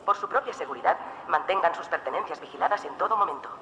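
A man's voice: a little high, animated, fast talker, sharp tone. A man reading a polite, scripted airport announcement to passengers over a public-address system. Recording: echoey, noisy public-address recording.

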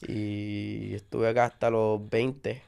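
A young man from Maryland with a Puerto Rican accent, a songwriter guest talking in a relaxed, laid-back way and dropping in English words. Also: fairly low pitch, slow pace, creaky, clean tone. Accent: Puerto Rican Spanish. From United States (Maryland). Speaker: music artist and songwriter guest. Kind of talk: casual interview.

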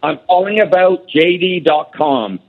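A man's voice: fairly high pitch, animated, measured pace. A man calling into a show, reading figures carefully. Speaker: caller. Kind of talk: phone-in question. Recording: tinny phone line.

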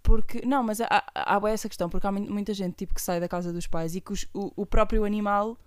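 Young woman about 20, portuguese from portugal accent, casual slangy podcast chat, clean smooth voice, no room echo. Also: mid-range voice, steady tone, fast talker, clean studio sound. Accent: European Portuguese. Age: around 20. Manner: informal, slangy. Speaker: podcast co-host.

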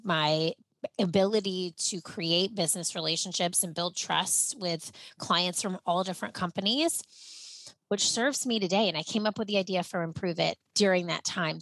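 A woman's voice: mid-range voice, a bit bright, dry recording. A woman from the United States with a Southern and Midwestern accent and a nasal twang, chatting as a podcast guest in a bubbly, effusive way. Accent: Southern and Midwestern American. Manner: bubbly, effusive, quick asides. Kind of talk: casual interview chat.

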